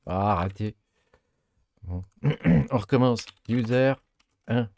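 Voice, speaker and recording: A man's voice: fairly low pitch, slow pace, a little mellow, slight background noise. A man casually walking through a tech tutorial, hesitant, with many fillers and restarts and self-mocking asides. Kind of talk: casual screen-recorded tutorial.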